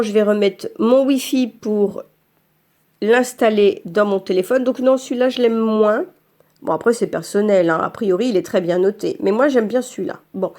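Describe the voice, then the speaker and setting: A woman with a mid-range, darkish voice gives French learners a screen-by-screen tutorial on a phone app. She goes slowly and patiently, saying each tap aloud as she walks through every step.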